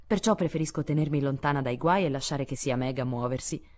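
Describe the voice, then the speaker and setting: A woman reading aloud and voicing a lively, outspoken tomboyish teenage girl, speaking in an eager, exclamatory way. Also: rumbling low, brisk. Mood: chatty.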